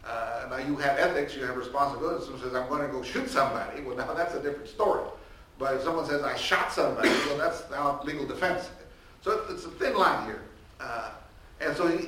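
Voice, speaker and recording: Recorded with a little hiss or hum, the medium-pitched professor projects a big voice in a vast, echoey hall where he speaks unmiked on a panel. He lectures in a conversational way, restarting often and using many fillers, and sounds distant amid faint ambience and room reverb.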